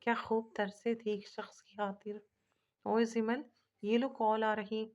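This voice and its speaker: A woman's voice: on the high side, level tone, a little slow, a little mellow, lo-fi sound. A woman reading a romance novel aloud, voicing all the characters' dialogue in a lightly shifted voice. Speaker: narrator.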